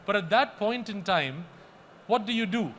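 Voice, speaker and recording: Earnest man, halting panel remarks. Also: sits high, animated, a bit bright, slight background noise. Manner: earnest, repeats himself often, halting restarts.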